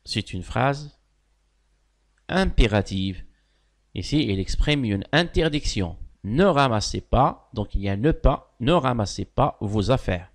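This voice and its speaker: A male teacher explains grammar in a slow, deliberate way. His voice swings widely in pitch, and he punches key words with sudden loud lifts. He often praises the pupils' answers. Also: lively intonation. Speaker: primary school French teacher. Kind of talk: classroom grammar lesson.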